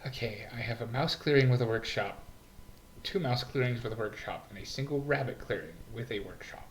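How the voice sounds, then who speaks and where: A man's voice: medium pitch, brisk, a little hiss or hum. A man in casual chat over a board game, calling out his moves playfully. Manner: playful, theatrical turn calls.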